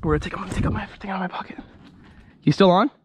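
A man giving energetic, slangy fishing commentary from a small boat on shallow flats, talking to the camera. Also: high voice, very fast. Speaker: fishing vlogger and boat guide. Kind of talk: excited outdoor fishing commentary. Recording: outdoor recording with loud wind and water noise.

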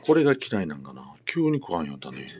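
A man's voice: low-pitched, sing-song, very fast, slight background noise. A man with a Kansai Japanese accent, talking casually and coaxingly to a fierce shelter cat as he films it indoors. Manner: soft, coaxing murmurs to the cat. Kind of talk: casual talk to a cat while filming.

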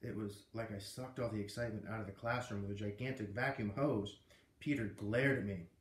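Here the same kind of casual living-room storybook reading features a man in his thirties whose voice is fairly low, fairly even in intonation, and a little fast. He adds chatty asides, and the camera a few feet away picks up an echoey, roomy home sound.

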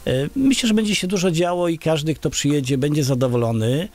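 In a small radio studio indoors, a Polish village head of middle age responds to an interviewer, stumbling through restarts and filler noises. His voice sits a little high and sounds slightly mellow, and he talks fairly fast. A large studio microphone on a boom arm picks him up.

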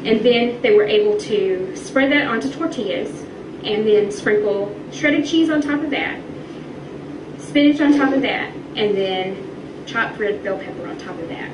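A middle school teacher answers interview questions, explaining things in a slightly high voice at an unhurried pace. The recording is being replayed on a classroom projection screen, so it sounds distant and echoey amid a noisy room.

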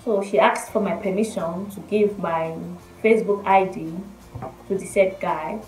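A young Nigerian-accented woman telling a personal story casually to camera, with R's she doesn't pronounce clearly. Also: mid-range voice, fairly even intonation, unhurried, a little mellow. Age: young adult. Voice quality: cannot pronounce R's well. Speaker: vlogger. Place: small bedroom indoors. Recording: roomy echo, faint music behind. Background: faint music.

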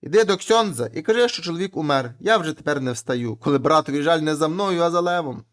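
Storybook: cunning poor peasant man, read by a male narrator, plain folk speech, animated. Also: fairly high pitch, quick pace, natural voice. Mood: scheming.

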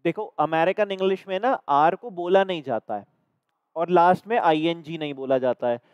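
A man with a Hindi accent explains exam questions to a class, step by step. His voice is high and smooth. The recording is dry and slightly dull. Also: moderate pace, dry recording. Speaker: reasoning teacher.

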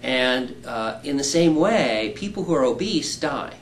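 In an indoor room, a middle-aged weight-loss surgeon patiently explains an operation to patients in plain language with homely examples. His mid-range voice is expressive and a little slow, and the audio is poor with slight background noise.

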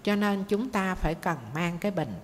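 A woman voicing a wise, patient mother snail who reassures her child gently. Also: medium pitch, steady tone, moderate pace, lightly acted. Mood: firm. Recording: faint noise, long hall reverb.

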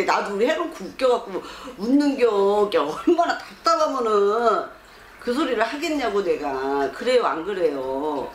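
A woman's voice: medium pitch, reverberant, a little hiss or hum. A woman shaman fortune teller bluntly counseling a client, scolding her and pressing with rhetorical questions.

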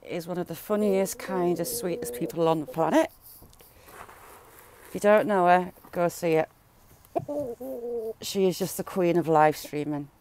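A woman's voice: fairly low pitch, a little mellow, slight background noise. A woman chatting casually and affectionately to viewers, as a vlogger.

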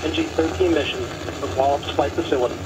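A man's voice: a little high, steady tone, a little fast. A man delivering terse, procedural mission control radio callouts as a launch announcer. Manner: clipped, procedural. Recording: very noisy radio with engine roar.

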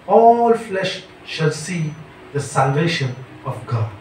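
A man reading scripture aloud in a church, slowly and carefully, stumbling over hard names. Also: fairly high pitch, sing-song, darkish tone. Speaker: scripture reader. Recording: echoey church hall, far from mic, faint noise.

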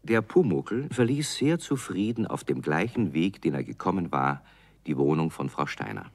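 A man narrating a children's radio play in a calm, measured storytelling manner. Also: low-pitched, no room sound.

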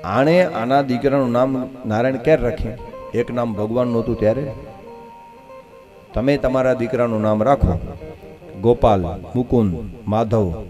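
Man, Kutchi Gujarati accent, katha storyteller, mid pitch, acts out characters, faint music behind. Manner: animated storyteller, acting out characters with sudden pitch jumps. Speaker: Bhagavat katha preacher. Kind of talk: storytelling religious discourse. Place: live katha program.

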